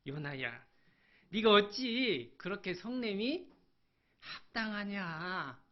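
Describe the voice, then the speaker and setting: A man's voice: on the high side, animated, takes it slowly, creaky, exaggerated voice. A man voicing God as a patient father who asks a sulking prophet a series of probing questions. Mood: questioning. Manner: gentle, probing rhetorical questions. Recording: dull lo-fi sermon recording.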